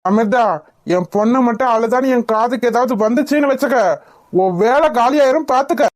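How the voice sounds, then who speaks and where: A woman's voice: fairly high pitch, a little fast, a little mellow, no room sound, studio quality, close to an everyday voice. A woman voicing a doting, protective young father. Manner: threatening, doting.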